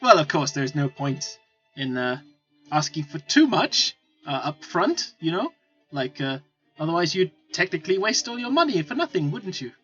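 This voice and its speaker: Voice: mid-range voice, big pitch swings, normal speed, a bit bright. A game master voicing a shifty male desert merchant who fawns, stammers and dodges questions while angling for coin. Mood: wheedling. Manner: stammering, fawning salesman patter. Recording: lo-fi with faint music.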